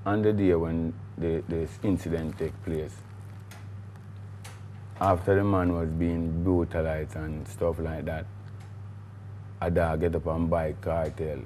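The same sort of guest: a middle-aged Jamaican recording artiste in a studio interview, his voice low and dark. He goes on emphatically and at length, using patois turns of phrase, over a faint hiss or hum.

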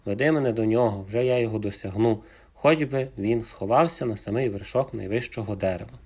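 A man voicing a huge, furious, hungry male bear who roars out threats in a husky voice. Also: lowish voice, fairly quick. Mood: roaring angry. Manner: roaring, shouting threats.

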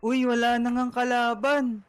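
A man's voice: extremely high pitch, flat delivery, measured pace, clear, resonant tone. A man voicing a crybaby little boy lost in a game, whimpering and whiny. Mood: relieved. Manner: sobbing, whiny child voice. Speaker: guest gamer.

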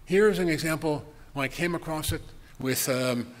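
An older man with a slightly high voice delivers a conference keynote at normal speed, chatty and wry, with chuckling asides and frequent ums. He speaks into a podium microphone before an audience in a large hall, and the recording carries long reverb and faint room noise.

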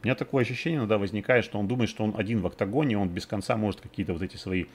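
A man's voice: lowish voice, very fast, slightly rough. A man hosting a betting podcast, previewing fights in a casual, hesitant way, thinking aloud with many fillers. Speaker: MMA betting podcast host.

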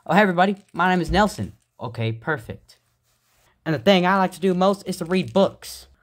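A man's voice: high voice, a little fast, pitched above the performer's own voice, lightly acted. A man voicing an eager, earnest, goofy schoolboy in an amateur sock puppet comedy.

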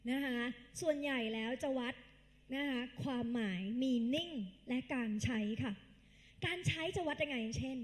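A woman tutor giving a live exam-prep English lecture, quizzing the class in call-and-response and calling the students kids. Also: sits high. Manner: calls the students kids and dear. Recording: long hall reverb.

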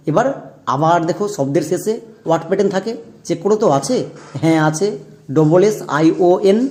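A man's voice: on the high side, warm tone. A man teaching English spelling and pronunciation, spelling words out letter by letter and asking rhetorical questions.

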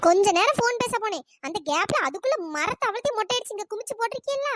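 A woman voicing a bossy village woman who owns an orchard, in a squeaky cartoon voice, scolding in quick accusing bursts. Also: lively intonation, fairly bright tone, no echo, clean studio sound. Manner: shrill scolding, fast and accusing. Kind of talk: cartoon storytelling.

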